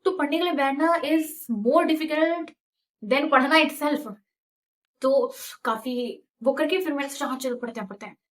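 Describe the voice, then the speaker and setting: A young woman in her twenties casually telling her own story, chatty and animated, slipping English phrases into her talk. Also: high voice, measured pace. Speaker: vlogger.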